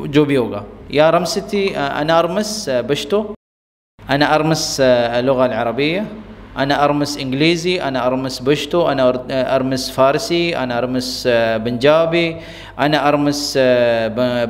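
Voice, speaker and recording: A man, teaching a spoken-language lesson and repeating example phrases slowly and deliberately. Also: a little high, in a large hall. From Pakistan. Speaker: Arabic teacher.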